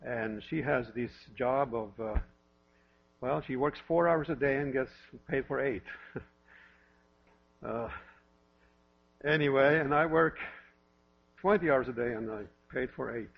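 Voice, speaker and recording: A Norwegian-born pastor in his fifties preaches in a church sanctuary, his medium-pitched voice measured, with vocal fry and long pauses. He uses light self-deprecating humor and asks the same questions repeatedly. The lo-fi recording carries mains hum.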